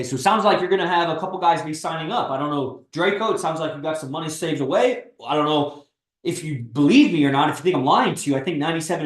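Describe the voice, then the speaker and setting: Blunt thirties guy hosting a stream, kinda high voice, echoey room. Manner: blunt, persuasive, swears freely. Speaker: stream host and coach. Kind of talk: casual livestream pep talk.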